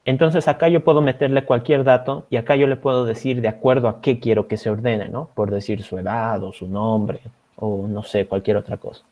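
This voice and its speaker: A Bolivian man working as a TA explains code step by step in an online programming class, checking in with students throughout. His mid-range voice is mellow, fairly even in intonation, and fairly quick. The slightly dull audio comes through a video call.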